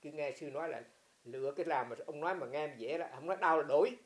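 A Buddhist monk from Huế in central Vietnam, speaking with a Huế accent, gives an informal dharma talk on meditation in reply to a student. His voice is a little high, and he talks fast, telling stories animatedly and firing off rhetorical questions at his listeners.

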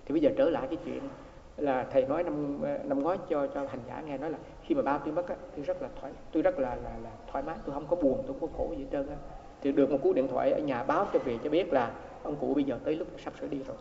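A man's voice: mid-range voice, racing, gravelly, slight background noise. Man preaching in an echoey hall. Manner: storytelling, repeats words, acts out quoted exchanges. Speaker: Buddhist monk teacher. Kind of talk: dharma talk sermon. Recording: echoey hall, dull lo-fi sound.

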